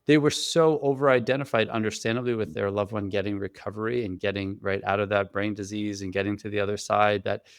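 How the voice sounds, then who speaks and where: A man hosting a parenting podcast, an energetic, talkative therapist who is quick to praise his guest. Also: lowish voice, smooth, dry recording, studio quality. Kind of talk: casual podcast conversation.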